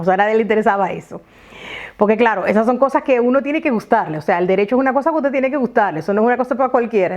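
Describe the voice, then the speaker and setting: A Dominican woman from the Dominican Republic telling a personal story in a vlog, lively and talking straight to her viewers. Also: fairly high pitch. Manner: animated storytelling, talks straight to viewers, many "entonces". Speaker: vlogger. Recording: slightly dull lo-fi audio.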